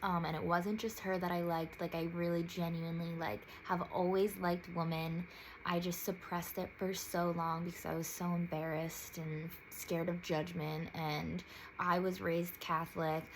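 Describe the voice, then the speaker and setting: A woman's voice: lowish voice, little pitch movement, normal speed, a little hiss or hum, low-quality recording. A young woman in her twenties telling a personal story in a casual vlog, chatty and full of "like"s, jumping her voice up when quoting others. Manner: chatty, filler-heavy, emotional, many "like"s. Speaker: vlogger.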